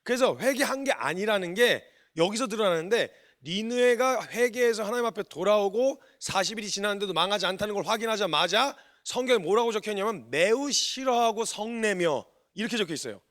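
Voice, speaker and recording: A man, a missionary preacher, giving a sermon in colloquial, animated storytelling style, acting out the quotes he tells. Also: high voice, fast talker, hardly any pauses.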